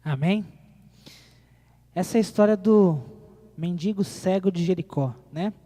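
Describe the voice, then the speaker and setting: A man preaches in a high voice, rising to loud appeals and dropping to near-quiet. He keeps asking the congregation questions. His voice rings with the long echo of a church hall. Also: unhurried. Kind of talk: sermon.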